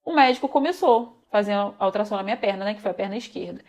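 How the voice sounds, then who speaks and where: A woman's voice: mid-range voice, quick pace, a little mellow. A young woman with a Brazilian Portuguese accent, earnestly telling her own story to viewers and acting out the dialogue. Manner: earnest, addresses viewers as "gente", acts out quoted dialogue. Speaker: vlogger sharing a personal testimony. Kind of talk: emotional personal storytelling.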